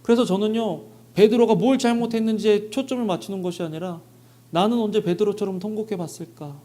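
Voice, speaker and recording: A man with a high, dark-toned voice preaches a Sunday sermon as pastor in a church sanctuary, speaking a little fast. He asks the congregation rhetorical questions and acts out brief snippets of dialogue.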